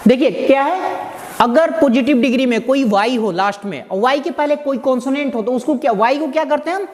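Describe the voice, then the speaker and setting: A man teaching grammar, who asks his students rhetorical questions and answers them himself, and repeats and spells out words slowly. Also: very high voice. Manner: slow, repetitive explaining with spelled-out words. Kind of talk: explaining lesson to students. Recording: echoey room with faint background noise.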